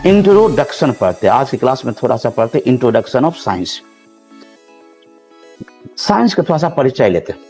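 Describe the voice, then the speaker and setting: A man lectures a class, his pitch rising and falling a lot as he repeats points and reaches for everyday examples. His voice is warm and mellow, faint music behind him. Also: sing-song, moderate pace, long pauses. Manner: repetitive, explaining with everyday examples, addresses students as children. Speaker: biology teacher.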